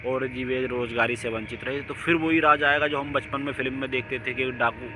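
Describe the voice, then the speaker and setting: A man preaches outdoors with fervent, moralizing force, climbing into loud emphatic bursts before sinking to low, quiet phrases. His voice sits at an ordinary middle pitch. Crickets, insects and passing vehicles are clearly heard behind him. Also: steady tone, brisk, background noise. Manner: preachy, rising to emphatic outbursts then dropping low. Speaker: religious speaker. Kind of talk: impassioned outdoor monologue.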